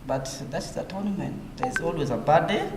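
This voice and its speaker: A man, a chess player, answers interview questions in plain, measured sentences that sometimes falter. The room rings around him, with a faint hum of noise behind. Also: fairly high pitch, animated, roomy sound. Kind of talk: post-round interview answers.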